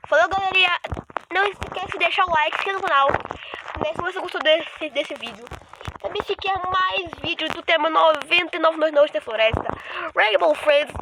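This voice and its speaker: A woman with a Brazilian Portuguese accent giving excitable, taunting gameplay commentary and chatting with her viewers. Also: very high voice. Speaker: gaming YouTuber. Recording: loud background noise.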